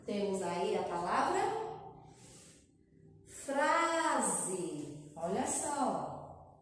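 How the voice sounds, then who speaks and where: A Brazilian woman teaching young children, who speaks in a slow, sing-song way and stretches and repeats her words. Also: on the high side, expressive, a little mellow. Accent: Brazilian Portuguese. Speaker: primary school teacher. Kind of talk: recorded lesson for young children. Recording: echoey room, far from mic, faint noise.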